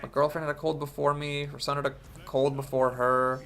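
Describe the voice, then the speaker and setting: A young male game streamer, congested from a cold, thinks aloud analytically about his plays while commentating his own card game. His voice is a little high, gravelly, and a bit bright, with a level tone and a fairly quick pace.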